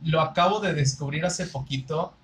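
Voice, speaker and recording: A man's voice: on the high side, moderate pace, a bit bright, slight background noise, poor audio. A Mexican man co-hosting a podcast, curiously explaining where words come from in casual chat. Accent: Mexican Spanish. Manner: curious, explanatory, thinks aloud. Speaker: podcast co-host.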